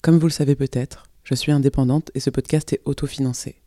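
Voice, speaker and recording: A woman hosting a podcast, reading a calm, measured scripted intro. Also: extremely low pitch, no room sound, clean studio sound. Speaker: podcast host.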